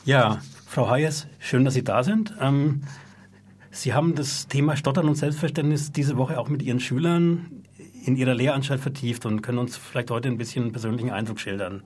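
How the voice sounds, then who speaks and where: A male radio host speaks from the studio in a slightly husky voice, at a middle pitch. He talks in a relaxed, conversational way, pausing on small fillers between phrases. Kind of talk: radio talk show hosting.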